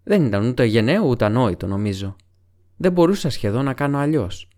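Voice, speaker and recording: A man's voice: mid-range voice, sing-song, darkish tone, natural voice. A man doing Merry, a breathless young hobbit. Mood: urgent. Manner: breathless, urgent telling. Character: young male hobbit, frightened and eager.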